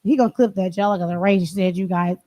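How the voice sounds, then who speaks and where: A woman's voice: fairly low pitch, a little fast, warm tone, highs cut off. A talkative woman, co-hosting a casual podcast chat and often cutting herself off mid-word. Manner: talkative, self-interrupting, playful. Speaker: co-host.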